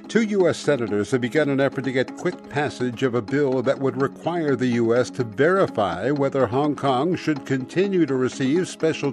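A man reading the news as anchor in a measured, formal delivery. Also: medium pitch. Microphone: studio microphone.

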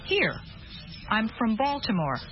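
A woman playing a brisk young café waitress who uses short, quick service phrases in a scripted language-course dialogue. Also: a little high, sing-song. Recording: muffled lo-fi recording with background noise.

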